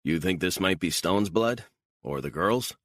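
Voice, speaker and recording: A man's voice: deep voice, lively intonation, a little slow, fairly bright tone, dry recording, clean studio sound, heavily acted. A man voicing an impatient intelligence chief who presses for answers. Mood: demanding. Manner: demanding, pressing.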